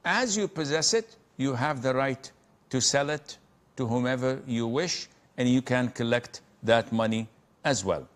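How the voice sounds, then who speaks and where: A man speaking like a preacher, measured and deliberate, as he hosts a religious advice call-in show. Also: mid-range voice. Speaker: host answering callers' religious questions.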